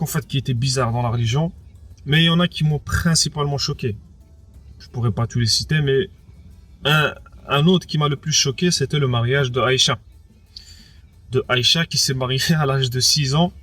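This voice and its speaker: Being interviewed, a young man from France with Moroccan roots and Arabic as a first language too shares his story casually, with faint music behind. His mid-range, fairly bright voice moves at normal speed, full of hesitation, repeated words and fillers such as "quoi" and "entre guillemets".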